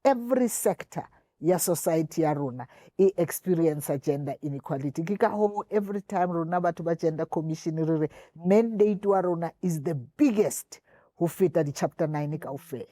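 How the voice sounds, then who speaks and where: Female interview guest, Sotho accent from South Africa, explaining in a mellow, fairly low voice, dry recording. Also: normal speed, no echo. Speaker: interview guest, equality commission chairperson. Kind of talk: explanatory interview talk, switching between languages.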